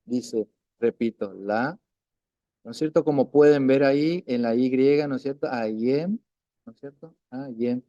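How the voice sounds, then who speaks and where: A man teaching a recorded language lesson, patiently repeating words slowly and checking in often with "isn't that right?". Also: medium pitch, warm tone, dry recording, muffled recording.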